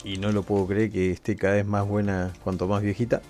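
Playful Argentine tabletop player. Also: male voice, on the low side, little pitch movement, brisk, darkish tone, soft background music. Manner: playful, in-character banter. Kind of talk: playing a tabletop game.

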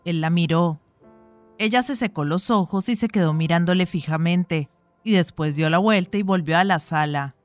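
A woman narrating a short story for an audiobook in a measured, even reading. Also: fairly low pitch, no room sound, soft background music.

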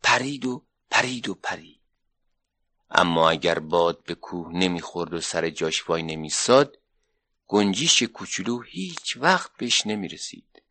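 A man narrating a 1970s children's radio story, lively and expressive. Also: low-pitched.

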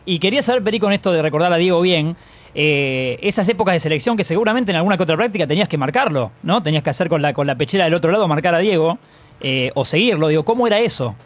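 A caller puts his question to the guest. He talks fast in a somewhat high voice, admiring and stumbling over fillers. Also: animated.

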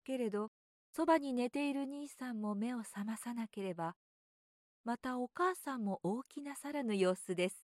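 A woman narrating a children's story in a gentle, measured reading voice. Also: on the high side, no room sound, clean studio sound.

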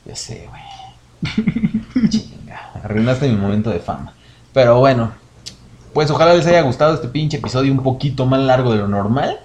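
A man's voice: medium pitch, lively intonation, fairly quick, darkish tone, a little hiss or hum. A young man with a Mexican Spanish accent, co-hosting a podcast in a crude, joking casual chat. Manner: crude joking, laughs a lot. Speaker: podcast co-host.

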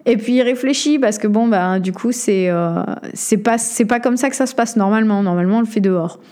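A woman hosting a podcast, telling a personal story in an animated way, full of hesitations and fillers. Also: mid-range voice, fairly quick. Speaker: podcast host.

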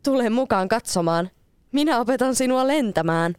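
A woman's voice: fairly high pitch, lively intonation, clear, resonant tone, dry recording, studio quality, voice pushed up, natural voice. A woman voicing a cheerful, adventurous boy in a read-aloud storybook, confident and playful. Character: cheerful adventurous boy who never grows up.

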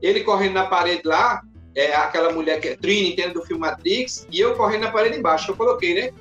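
A man's voice: sits high, lo-fi sound, faint music behind. Man telling stories in an echoey room. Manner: animated, acts out scenes with quick voice jumps. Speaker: guest. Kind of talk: casual podcast chat.

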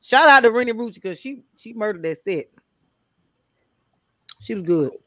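A man co-hosting a podcast, joking through lively banter. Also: sits high, moderate pace, no room sound, clean studio sound. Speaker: podcast co-host. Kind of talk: casual chat.

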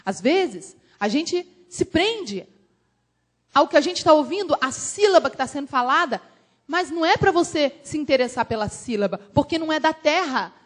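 High, lively woman preaching. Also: normal speed. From Brazil. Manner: animated, emphatic storytelling preaching. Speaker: missionary preacher. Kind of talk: sermon.

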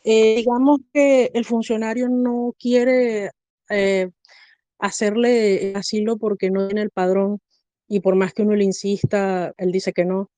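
A woman, calling in to ask questions in a measured, hesitant way. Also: medium pitch, steady tone, mellow, no room sound. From Venezuela. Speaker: caller. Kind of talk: asking questions on a call-in.

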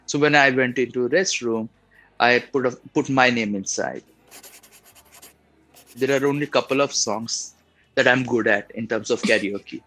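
A man's voice: medium pitch, moderate pace, long pauses. Young man with an Indian accent. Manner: animated storyteller, laughs often. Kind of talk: casual chat.

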